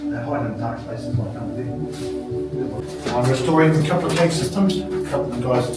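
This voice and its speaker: A man's voice: medium pitch, normal speed. Man guiding a tour with cave echo. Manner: plain-spoken, explains while pointing things out. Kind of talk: casual guided-tour explanation. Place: underground cave. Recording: echoey cave, far from mic, loud music over it. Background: loud music.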